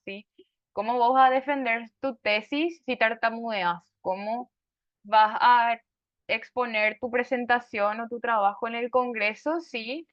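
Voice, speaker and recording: A woman's voice: on the high side, dry recording. Dull-sounding woman teaching a class. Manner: explains with frequent checking "¿sí?". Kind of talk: lecturing a class.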